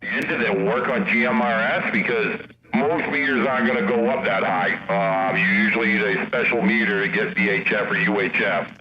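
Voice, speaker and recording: A man's voice: lowish voice, steady tone, brisk. A man chatting casually as an operator over a two-way radio. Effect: two-way radio transmission. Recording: muffled two-way radio with static.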